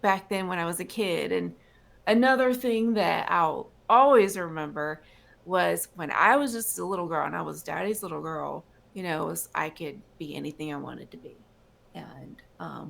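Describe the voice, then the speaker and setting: Gravelly-voiced reflective woman guest. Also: lowish voice, expressive, moderate pace, a bit bright. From North Carolina. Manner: thoughtful, reflective, laughs lightly. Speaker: guest, singer-songwriter. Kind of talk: casual interview chat.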